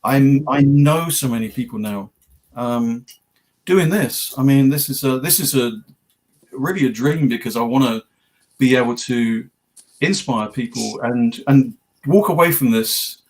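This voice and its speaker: A man with a West Virginia Appalachian accent, giving casual personal testimony in an earnest, halting way, repeating words and phrases as he goes. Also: mid-range voice, darkish tone. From West Virginia, United States. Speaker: guest, patient advocate telling own story.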